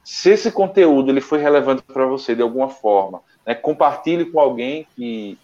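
A man co-hosting an online talk from home, telling a story in a relaxed, rambling way with many restarts. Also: mid-range voice, normal speed. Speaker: co-host of an online study show. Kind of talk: casual storytelling and sign-off. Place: his home. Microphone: internet call. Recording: dull, lo-fi internet call audio.

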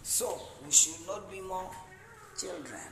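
A man delivers a sermon in a high-pitched, creaky voice, taking it slowly with huge swings in pitch. He stresses his points through call-and-response and frequent cries of "praise God," recorded in an echoey room with some noise.

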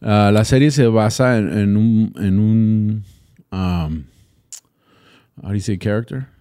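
A man's voice: fairly low pitch, slow pace, warm tone, clear, resonant tone, dry recording, clean studio sound. A man from Texas with an American accent, a native English speaker, hosting a casual solo podcast and often hesitating as he searches for words. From Texas, United States. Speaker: podcast host.

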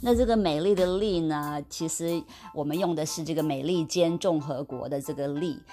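A woman's voice: low-pitched, normal speed, dark tone, faint music behind. A young woman from mainland China, co-hosting a casual podcast and mixing English words into her talk. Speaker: podcast co-host. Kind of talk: casual chat.

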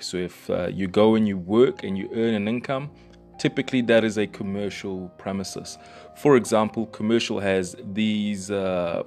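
Kiwi guy talking property, lowish voice, lots of ums and restarts, faint music under it. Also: darkish tone. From New Zealand. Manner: loose and conversational, many fillers and restarts. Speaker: real estate broker and host. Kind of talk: casual explainer monologue.

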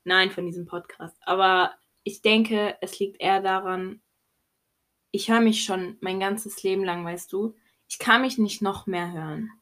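A young woman co-hosting a podcast in casual chat, loud, blunt and joking. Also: medium pitch, steady tone, unhurried. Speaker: podcast co-host.

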